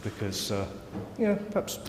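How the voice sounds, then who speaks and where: A man's voice: fairly low pitch, sing-song, moderate pace, slight background noise. A man giving a live lecture, wry and self-mocking, with rambling asides. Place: lecture hall. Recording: roomy hall reverb, faint ambience.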